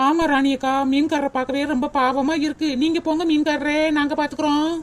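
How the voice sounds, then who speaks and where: A woman's voice: sits high, level tone, fast talker, noisy background, natural voice. A woman voicing an agreeable young village woman in a cartoon comedy, sympathetic toward others.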